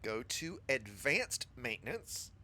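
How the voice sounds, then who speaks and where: Speaking slowly with big pitch swings, a man at medium pitch with a sharp tone teaches a new player game setup step by step. His voice is scratchy from a cold, and he addresses viewers as a patient, chatty instructor in a casual tutorial.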